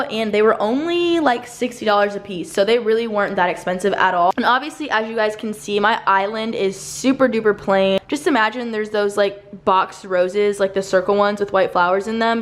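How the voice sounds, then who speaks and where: Chatty young woman with a slight lisp. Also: mid-range voice. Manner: chatty, upbeat, filler-heavy with "like" and "you know". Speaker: vlogger. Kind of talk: casual apartment tour.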